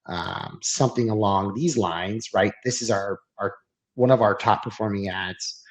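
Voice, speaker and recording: A man's voice: lowish voice, measured pace. A man speaking as a guest in a casual webinar conversation over a video call, chatty and full of fillers and repeated words. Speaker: creative strategy manager, guest. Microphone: video call microphone.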